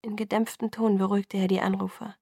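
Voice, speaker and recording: Woman reading a novel, gravelly and dry. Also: mid-range voice, flat delivery, quick pace, darkish tone, dry recording. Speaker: audiobook reader. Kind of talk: first-person novel narration.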